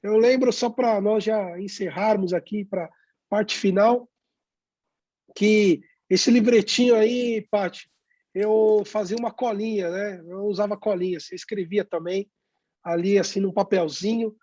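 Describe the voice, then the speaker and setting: A man's voice: high voice, fairly even intonation, a little mellow, dry recording, muffled recording. A man, a pastor, telling stories of sharing his faith and acting out the conversations. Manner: storytelling, acts out dialogue, pauses with "né?". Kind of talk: testimony in a youth talk.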